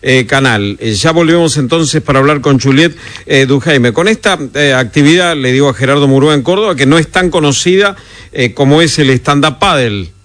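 A man's voice: fairly high pitch, moderate pace, fairly bright tone. A man with an Argentine Spanish accent hosting a live radio interview, friendly and a little hesitant. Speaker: radio host.

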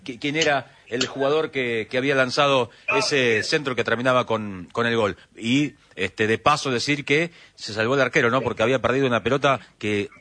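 A man's voice: medium pitch, fairly quick, hardly any pauses, sharp tone. A man hosting live radio sports commentary and explaining plays in detail. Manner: talks through plays in detail. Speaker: radio host.

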